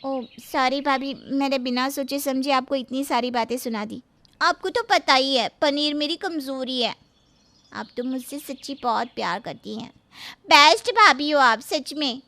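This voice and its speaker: A bright, high voice for a pouty young cartoon sister-in-law, played by a woman who sulks and then gushes. It is recorded dry and close. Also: measured pace, no echo, exaggerated voice. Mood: sweet. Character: young woman, a sulky but sweet college-age sister-in-law.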